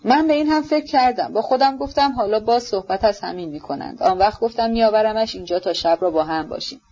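A narrator voicing a brooding, secretive young man who talks slowly in a hushed, half-whispered way. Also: mid-range voice, dull audio, natural voice.

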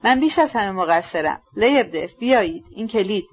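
A woman's voice: mid-range voice, expressive, slightly rough, muffled recording. A woman reading aloud, voicing a feverish, sick young man who speaks urgently and pleadingly. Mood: agitated.

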